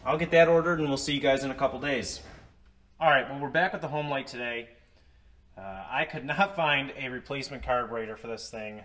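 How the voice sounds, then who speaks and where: Talking fairly quickly in a mid-range, slightly bright voice, a DIY repair vlogger casually walks through a repair step by step. The filler-rich how-to narration is recorded on the camera mic in an indoor garage workshop.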